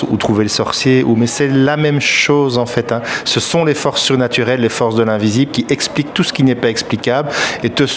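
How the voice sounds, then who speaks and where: A man's voice: mid-range voice, a little hiss or hum. Hesitant man musing aloud. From Belgium. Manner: thoughtful, hesitant, many filler pauses. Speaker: fantasy author. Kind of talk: reflective interview answers.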